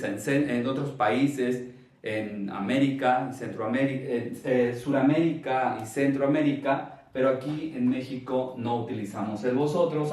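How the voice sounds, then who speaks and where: Slow, echoey Mexican Spanish teacher. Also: male voice, mid-range voice, darkish tone. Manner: deliberate, stresses syllables to demonstrate. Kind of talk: video grammar lesson. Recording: very echoey room, from far off.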